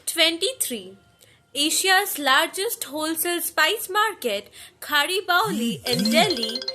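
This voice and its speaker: A woman's voice: sits high, sharp tone. A woman, a student presenter, reading facts from a script and repeating each point for emphasis.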